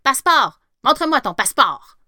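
A woman's voice: sits high, very animated, normal speed, bright, forceful tone, no room sound, clean studio sound, exaggerated voice. Woman doing a bossy barking sewer rat. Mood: demanding. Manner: barking demands. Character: angry brown sewer rat, bossy official.

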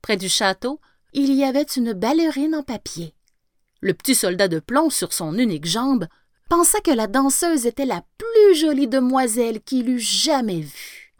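A woman's voice: a little high, no echo, clean studio sound. A woman reading a fairy tale aloud expressively, sometimes dropping to a whisper. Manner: expressive, slowing and whispering for effect. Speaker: storyteller. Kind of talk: storybook read-aloud.

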